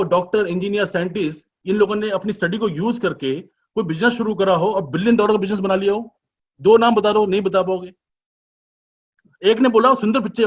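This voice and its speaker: Man giving a chatty, husky sales pitch. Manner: persuasive and chatty, asks rhetorical questions; teasing, sarcastic asides. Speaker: business presenter. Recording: dull lo-fi recording.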